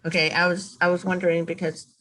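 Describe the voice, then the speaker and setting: A woman's voice: on the low side, level tone, fast talker, a bit bright, low-quality recording. A woman attending an online workshop who asks questions in a polite, tentative way over a video call. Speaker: workshop participant. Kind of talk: asking questions.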